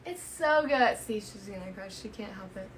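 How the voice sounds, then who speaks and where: A woman's voice: mid-range voice, expressive, moderate pace, poor audio. A woman co-hosting a casual livestream chat, mostly giving short, agreeable replies and laughing along. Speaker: co-host.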